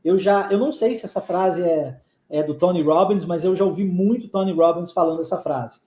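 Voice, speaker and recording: A teacher whose first language is Portuguese leads a live online English lesson in a mellow, dark voice. Phrases are drilled slowly and repeated, with frequent quick check-ins to the learners. The room is echoey. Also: medium pitch.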